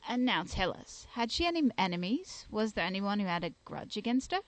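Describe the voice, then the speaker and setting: A measured, probing police inspector who asks his questions plainly, as a woman reads him in an audiobook. The sound is dry and close. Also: medium pitch, sing-song, dry recording, lightly acted.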